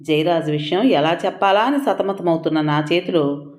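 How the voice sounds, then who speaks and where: A woman's voice: sits low, normal speed, darkish tone, echoey room. A woman narrating an audio story in the first person, telling it expressively.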